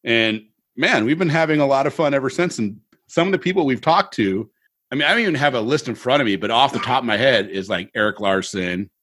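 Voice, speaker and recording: A man's voice: medium pitch, animated, brisk, a bit bright. A man co-hosting a casual podcast, with reverb bouncing around a bare-walled room. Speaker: podcast co-host. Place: home office emptied to bare walls.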